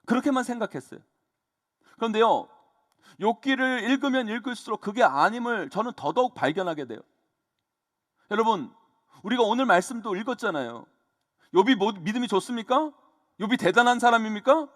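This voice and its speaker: A middle-aged man preaching a sermon as pastor, emphatic and often addressing the congregation directly, swinging from loud exclamations to soft confiding asides. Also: sits high, lively intonation, fairly quick, pauses often.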